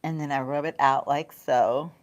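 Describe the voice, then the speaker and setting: A woman's voice: low-pitched, fairly even intonation, moderate pace, lo-fi sound. A middle-aged woman chatting casually on a get-ready-with-me livestream, calling her viewers y'all and laughing often as she talks through her makeup. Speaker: beauty vlogger. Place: home.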